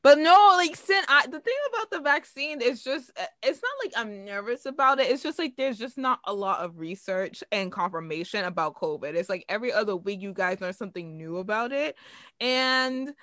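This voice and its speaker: A woman's voice: on the high side, lively intonation, moderate pace, fairly bright tone, no room sound, clean studio sound. A woman co-hosting a podcast in casual chat, blunt and outspoken, swearing freely. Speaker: podcast co-host.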